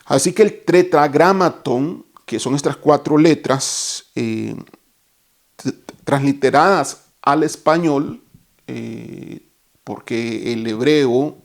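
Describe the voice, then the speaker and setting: A man's voice: medium pitch, slow pace, vocal fry. A man teaching a Bible lesson, explaining each term step by step and stopping to correct himself.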